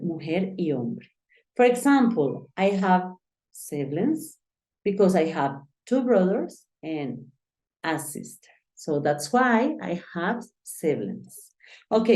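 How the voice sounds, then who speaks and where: A woman's voice: mid-range voice, warm tone. A woman teacher with a Colombian Spanish accent giving an online English grammar lesson, patiently explaining and repeating words.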